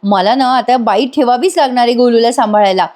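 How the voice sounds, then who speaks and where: A woman's voice: on the high side, a little fast, a little mellow, close to an everyday voice. A woman voicing an overbearing young woman who scolds shrilly. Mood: scolding.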